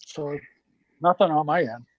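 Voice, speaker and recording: A man's voice: a little high, a little slow, dry recording, muffled recording. A man on a video call, a zoning board member who points out problems bluntly and matter-of-factly. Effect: heard over a video call. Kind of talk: meeting discussion.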